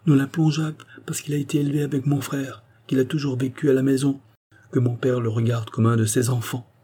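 A man's voice: mid-range voice, little pitch movement, a little fast, warm tone, slightly rough, voice pushed up, lightly acted. A man reading a novel aloud, voicing a distressed young woman who pleads earnestly for her brother. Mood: anxious pleading.

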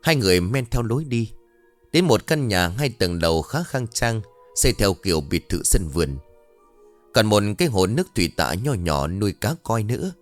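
A man narrating a ghost story as a storyteller, with an expressive, dramatic reading. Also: on the low side, normal speed. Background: faint music.

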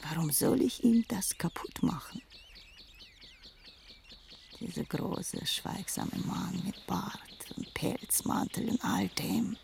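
A woman's voice: lowish voice, slow, gravelly, pauses often, a little hiss or hum. A worldly, wistful woman of the past. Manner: hushed, often whispering, wistful. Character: worldly woman recalling a lost lover. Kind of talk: radio play acting.

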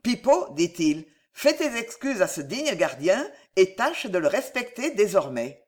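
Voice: medium pitch, big pitch swings, unhurried. An audiobook narrator voicing a courteous young knight who speaks simply. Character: young gallant male knight. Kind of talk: audiobook character reading.

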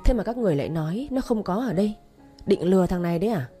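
A woman's voice: mid-range voice, expressive, very fast, faint music behind, close to an everyday voice. Woman doing a furious bullying young husband. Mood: angry. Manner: shouting, sneering. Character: angry young husband, hot-tempered and bullying.

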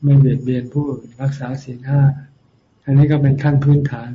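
A man, a Buddhist monk, answering Dharma questions in a calm, plain, unhurried way. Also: mid-range voice. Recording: dull lo-fi sound with faint noise.

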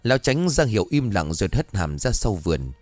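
A man's voice: on the low side, sing-song, a little fast, dry recording. A man narrating a horror folk tale with suspenseful, dramatic storytelling.

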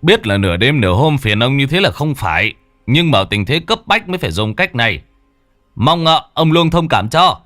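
A man's voice: mid-range voice, sing-song, moderate pace, bright, forceful tone, dry recording, studio quality, soft background music, voice pushed up. A man doing a grave worried village chief.

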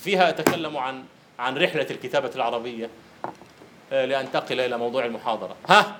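A man lecturing on Arabic prosody in a classroom, teasing his students and slowly chanting verse syllables. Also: mid-range voice. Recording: roomy lecture hall echo, faint hiss.

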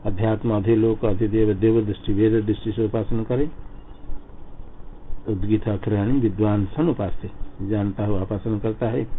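A man teaching scripture as a lecture. He recites each verse slowly and then explains it word by word. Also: lowish voice, steady tone. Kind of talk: line-by-line scripture commentary lecture. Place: ashram classroom. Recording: phone-like lo-fi recording with faint noise.

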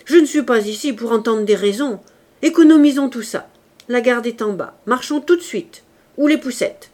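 A woman's voice: a little high, animated, moderate pace. A woman reading an audiobook, voicing a harsh, contemptuous male police inspector who barks and scorns. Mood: furious. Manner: barking, scornful, shouting.

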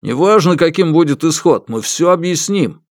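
A man voicing a calm, guarded middle-aged man who speaks in a measured, firm way. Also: on the high side, no echo, studio quality, pitched above the performer's own voice.

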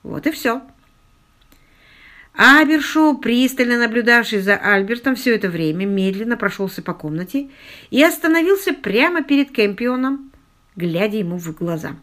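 A woman narrating a detective novel in an even, measured storytelling voice. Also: on the high side. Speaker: audiobook narrator. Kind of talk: scripted narration.

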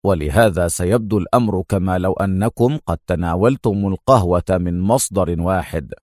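A calm, mocking crime boss speaks low and slowly, with a quiet menace, as a narrator puts him on. The voice is hushed and dry, with no room sound around it. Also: male voice, dry recording, close to an everyday voice. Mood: coolly menacing. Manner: slow, low and coolly menacing.

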